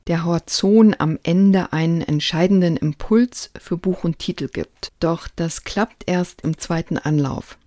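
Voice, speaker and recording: A woman presenting a scripted book review in a measured, articulate way. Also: fairly low pitch, dark tone, dry recording, clean studio sound.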